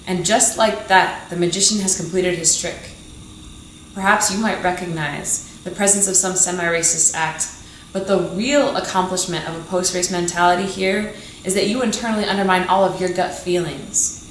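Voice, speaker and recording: A young adult woman, a student poet, giving a measured, emphatic poetry reading. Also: lowish voice, fairly even intonation. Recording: echoey room, faint background noise.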